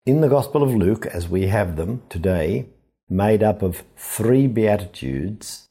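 A priest gives a reflective sermon on scripture, measured, deliberate and explanatory. His voice is lowish, husky and mellow, yet animated.

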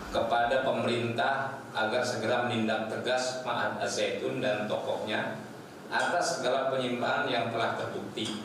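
A man's voice: medium pitch, fairly bright tone. Distant man reading a formal statement. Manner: deliberate, enumerating points. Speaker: religious organization spokesman. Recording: echoey room from a distant mic with noise.

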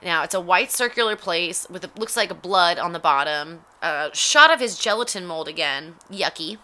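Young woman, home mic, lowish crisp voice, sarcastic running commentary on a cooking show. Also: expressive, moderate pace, sharp tone. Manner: wry, sarcastic running narration. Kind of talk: casual play-by-play commentary. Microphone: home recording mic.

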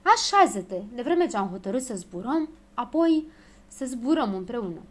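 A woman's voice: fairly high pitch, big pitch swings. Brief: a pompous storybook dwarf leader making speeches, read by a woman. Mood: commanding. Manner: commanding, speechmaking. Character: bossy know-it-all dwarf leader, male.

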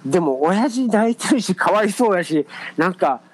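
A man's voice: high-pitched, normal speed, a little hiss or hum, low-quality recording. A man with a Kansai accent, telling a personal story in casual chat, hesitant with many fillers. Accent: Kansai Japanese. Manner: animated storytelling. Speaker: podcast co-host.

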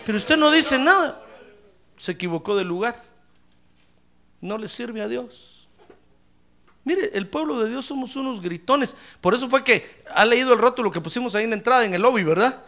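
A man preaching a sermon to his congregation, addressing them directly and breaking into loud shouted praise. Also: very high-pitched, animated, normal speed, pauses often.

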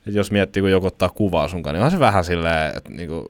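A man's voice: low voice, no room sound. A man guesting on a podcast, talking casually, rambling with fillers and cracking jokes. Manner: rambling, jokey, trails off with fillers.

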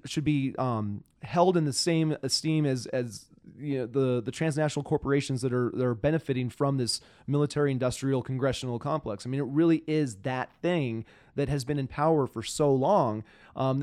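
A man's voice: medium pitch, darkish tone, dry recording, studio quality. Frustrated, profane man talking politics. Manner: frustrated, profane, halting with many restarts. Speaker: podcast host. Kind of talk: casual political chat.

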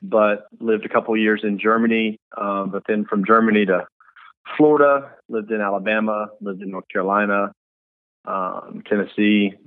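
A man from the American South, a pastor being interviewed, talking in a relaxed, friendly way. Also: on the low side, moderate pace, clean tone, no echo. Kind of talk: interview over phone line. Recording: tinny dry phone line.

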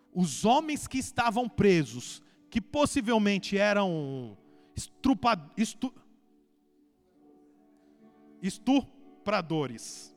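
A man with a Brazilian accent preaching a sermon as pastor, pressing the congregation with emphatic rhetorical questions. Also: sits high. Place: church hall. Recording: long church hall reverb.

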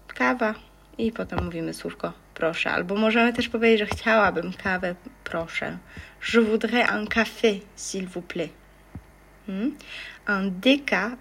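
A woman hosting a casual French lesson podcast for Polish speakers, slowly repeating French words with chatty asides. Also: mid-range voice, vocal fry, a bit bright, slight background noise. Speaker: French teacher, podcast host.

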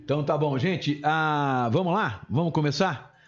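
A man's voice: on the high side, normal speed. A man hosting a live show, teasing his co-host in a joking, playful way. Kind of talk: joking live broadcast chat. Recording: dull lo-fi broadcast audio.

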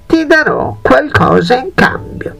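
A man voicing a kind old woman in a fairy tale, speaking in a high quavering granny voice. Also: very animated, slow, vocal fry, a bit bright, soft background music, full character voice. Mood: kindly.

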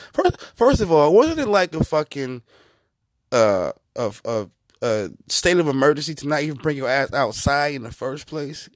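A man hosting a podcast, giving profane, mocking comedic commentary in an animated way. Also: a little high, dry recording, studio quality. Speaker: podcast host.

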